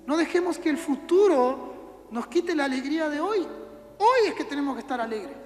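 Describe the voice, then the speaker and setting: Uruguayan woman, youth preacher, chatty sermon with small acted skits, high voice, long hall reverb. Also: animated, normal speed, darkish tone. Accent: Uruguayan Spanish. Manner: conversational, acts out little everyday scenes. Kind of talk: casual sermon. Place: church hall, indoors. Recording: echoey hall with music behind.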